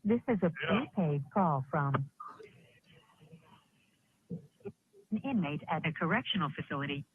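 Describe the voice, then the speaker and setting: A recorded automated announcer on a prison phone line, reading formal call prompts in a flat, measured way. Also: medium pitch. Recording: tinny husky phone line.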